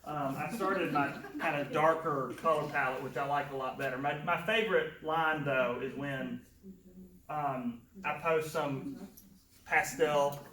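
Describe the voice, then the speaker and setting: A man's voice: on the high side, measured pace. A man who is a guest artist, chatting casually and with self-deprecating humor while answering audience questions at a painting demo. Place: meeting room before a seated audience. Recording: echoey room, distant mic, audience noise.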